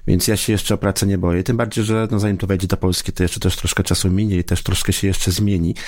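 Deep-voiced man in easy podcast talk. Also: flat delivery, fast, a little mellow, no room sound, clean studio sound. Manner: thoughtful, with hesitant fillers and restarts. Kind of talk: casual podcast conversation.

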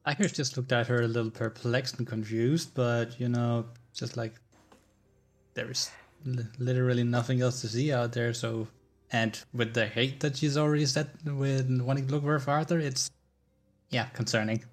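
Casual male tabletop player, average pitch. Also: flat delivery, normal speed. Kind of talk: casual descriptive game chat.

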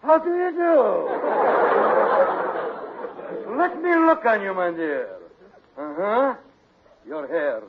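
An actor playing a grandiose mock Russian prince working as a hired escort, with a florid, theatrical courtly manner in 1940s radio comedy. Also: male voice, high-pitched, very animated, slow, long pauses, narrow, tinny audio, heavy background noise, exaggerated voice. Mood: hammy wooing. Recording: old radio broadcast, loud studio audience.

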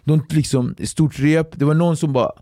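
A middle-aged man, a podcast guest, spins a lively story and curses freely, slipping into the voices of the people in it. His voice sits a touch high for a man and sounds dry and close, with no room echo. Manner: animated, swears a lot, acts out quoted voices. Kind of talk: casual storytelling.

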